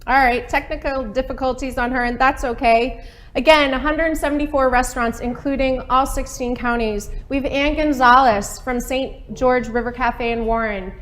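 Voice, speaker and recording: Woman host, thirties, high and bright-spirited, chatty live-stream delivery. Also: fairly even intonation, moderate pace. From Maine. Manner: upbeat, chatty, laughs often. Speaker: webcast host. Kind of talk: live webcast hosting. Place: studio set with a small table and laptop.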